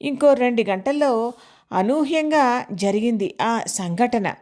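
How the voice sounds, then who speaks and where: Woman, audio story narrator, measured expressive reading, slightly high voice.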